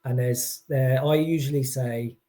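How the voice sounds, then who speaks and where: A man's voice: medium pitch, steady tone, a little slow, warm tone. A man giving an informal expert explanation, hesitant, often restarting and qualifying his points. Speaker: employee engagement consultant as guest.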